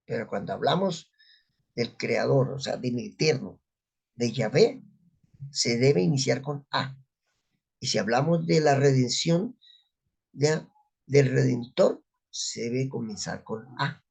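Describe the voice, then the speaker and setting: A man's voice: mid-range voice, takes it slowly, gravelly, pauses often, a little mellow, slightly rough. A man giving an unscripted Bible teaching, asking rhetorical questions and answering them himself. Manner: spoken, unscripted, with restarts. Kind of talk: religious teaching talk.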